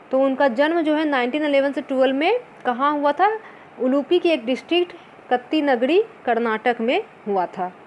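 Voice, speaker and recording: A woman's voice: high-pitched, darkish tone, a little hiss or hum. A woman teaching an exam-prep lesson. She poses her own questions and answers them, mixing English words into her talk.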